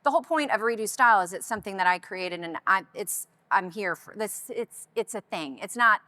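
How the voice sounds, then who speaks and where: A woman's voice: mid-range voice, fairly quick, sharp tone, dry recording. A woman in her thirties, a guest upcycling designer, talking enthusiastically in a panel interview with frequent restarts.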